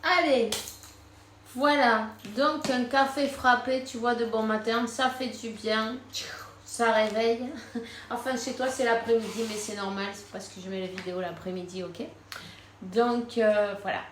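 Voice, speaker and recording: With a fairly high, steady voice and a measured pace, this tarot card reader, a native Spanish speaker, chats loosely through a spiritual reading, laughing a lot and using many fillers. The room is echoey and there's slight background noise.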